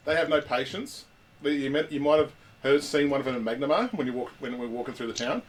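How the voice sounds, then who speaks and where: A man's voice: mid-range voice, fast talker, low-quality recording. A man in casual tabletop game chat, explaining and cautioning as a fellow player.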